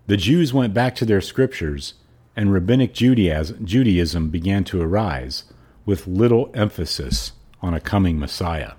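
Hoarse, deep-voiced man reading aloud. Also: dark tone. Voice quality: hoarse, froggy. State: hoarse throat. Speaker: podcast host reading a book aloud. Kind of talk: audiobook-style reading and podcast sign-off.

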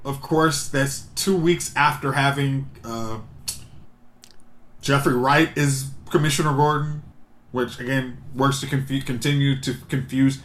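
A man's voice: medium pitch, steady tone, unhurried, a bit bright. A man in casual podcast chat, rambling and opinionated as he thinks aloud. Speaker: podcast co-host. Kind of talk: casual chat about superhero movies.

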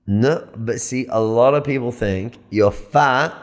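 A man in his late thirties arguing his point in a casual podcast chat, emphatic and animated, often repeating himself. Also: medium pitch, slow pace. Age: 30s. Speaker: podcast guest.

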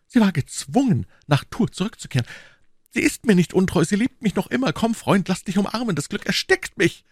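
A man's voice: a little high, sing-song, normal speed, no room sound, studio quality, voice pushed up. A man voicing a young musketeer in an audiobook, theatrical and declamatory, swinging between gloom and rapture. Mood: ecstatic. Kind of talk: audiobook character voice.

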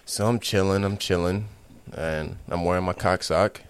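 A young man co-hosting a podcast, telling an embarrassing story in a laid-back, deadpan way. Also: low voice, normal speed, clean tone, no echo. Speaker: podcast co-host.

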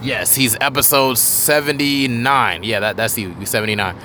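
A man's voice: mid-range voice, steady tone, normal speed, pushed and bright, a little hiss or hum. A man hosting a podcast, chatting in a loose, rambling way with casual swearing. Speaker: podcast host. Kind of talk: casual interview chat.

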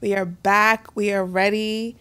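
A woman's voice: mid-range voice, little pitch movement, pushed and bright, smooth. Chatty young woman co-hosting a podcast. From United States. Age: 20s. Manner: chatty, laughs often, quick asides. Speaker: podcast co-host. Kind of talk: casual chat.

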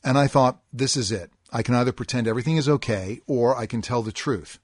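A middle-aged man hosting a podcast, talking in an earnest, deliberate way and stretching out key words as he reads a listener's post. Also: medium pitch, no room sound, studio quality. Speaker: podcast host. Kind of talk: podcast monologue reading a listener posting.

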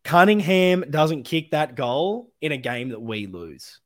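A young Australian man with a hoarse voice, giving a passionate football match review as a fan podcast host. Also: on the high side, unhurried. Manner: animated, emphatic, swings between loud outbursts and muttering. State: hoarse, losing his voice.

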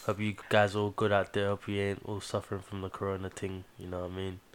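A man's voice: low voice, completely flat delivery, fast talker, slight background noise. A man with a London roadman accent hosting a podcast in casual, slang-heavy chat, swearing freely. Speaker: podcast host.

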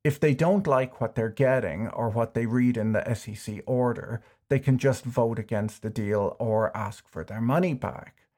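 A man hosting a scripted finance explainer, delivering it with dry, wry deadpan humor. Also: mid-range voice. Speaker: YouTube finance commentator.

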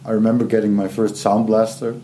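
A man's voice: on the low side, flat delivery, a little fast, warm tone, a little hiss or hum. A man hosting an interview, asking curious, easygoing questions. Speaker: interview host. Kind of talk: casual interview chat.

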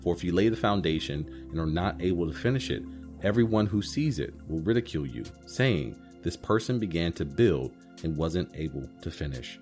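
Deep-voiced male podcast host over music. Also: expressive, moderate pace, a little mellow. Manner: explanatory, addresses the listener directly. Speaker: financial advisor hosting podcast. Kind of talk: scripted podcast talk with explanatory asides.

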